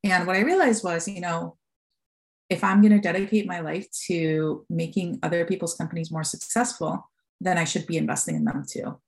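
In a podcast interview, a Costa Rican woman in her forties who founded a fund speaks frankly about her story, with many fillers. Her voice sits on the low side, steady in tone, at a normal speed.

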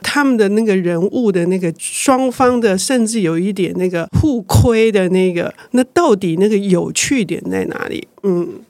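An older woman, a publisher, speaking as a guest in a reflective interview, thoughtful and growing lively when excited. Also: medium pitch, moderate pace, few pauses, dry recording.

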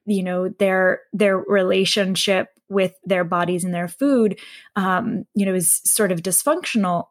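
A woman's voice: medium pitch, steady tone, a little slow. Reflective woman talking with many fillers. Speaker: podcast guest, health coach. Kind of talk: conversational interview.

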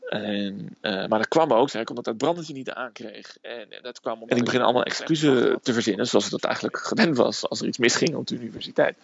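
A man telling a personal story in a casual, hesitant way, filling pauses with "eh". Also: mid-range voice, vocal fry, slightly rough, highs cut off. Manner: hesitant storytelling, frequent "eh" fillers.

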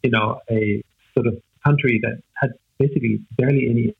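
His voice is mid-range, steady, creaky and a bit breathy, and he talks briskly. The guest is an Austrian man in his forties whose native language is German, reflecting in a hesitant, filler-heavy way with frequent "right?" tags, heard through a tinny phone-style line.

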